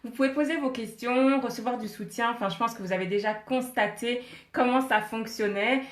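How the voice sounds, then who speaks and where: A woman's voice: on the high side, fairly quick, reverberant. Chatty woman live-streaming from her phone. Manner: chatty, laughs often, greets viewers by name. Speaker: MLM coach hosting a live stream. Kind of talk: casual live-stream chat with viewers. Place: home office, indoors. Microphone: phone held in hand.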